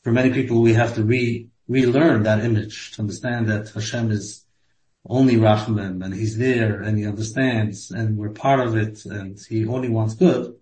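A man's voice: lowish voice, fairly even intonation, normal speed, a little mellow. A man hosting a spiritual talk show, speaking earnestly with many "you know" fillers. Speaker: host. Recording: roomy echo.

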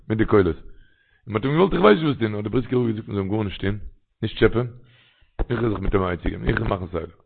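The recording has a tinny phone-line quality as a man with a creaky, mid-range voice tells religious tales. He wanders in his telling and keeps repeating phrases.

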